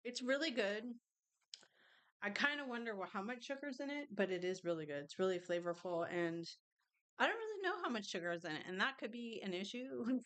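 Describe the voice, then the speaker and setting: A woman at an ordinary pitch talks casually as a tarot reader. She rambles and chats, with little asides while she eats. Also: a bit bright. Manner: chatty, rambling, tastes food on camera. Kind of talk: casual chat and tarot reading.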